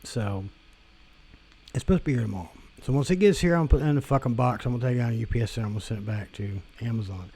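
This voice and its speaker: A man's voice: medium pitch, very fast, mellow, slightly rough. Rambling, profane man ranting. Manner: rambling, profane, repeats and restarts himself. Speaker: vlogger. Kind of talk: casual rant.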